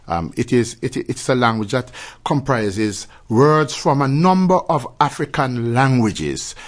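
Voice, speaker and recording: A man with a Jamaican accent speaking as an interview guest and church leader, explaining in measured, deliberate phrases. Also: mid-range voice.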